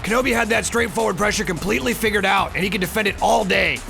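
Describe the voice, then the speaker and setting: Male boxing colour commentator, quick and gravelly, emphatic analysis over music. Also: high-pitched, bright, forceful tone. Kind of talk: sports commentary in the manner of a boxing broadcast. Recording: music behind the voice.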